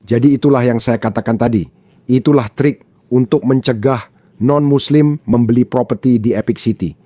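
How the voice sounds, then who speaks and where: A man's voice: mid-range voice, moderate pace, mellow, dry recording, clean studio sound. A man from Pakistan giving opinionated commentary, emphatic and repeating his points for effect.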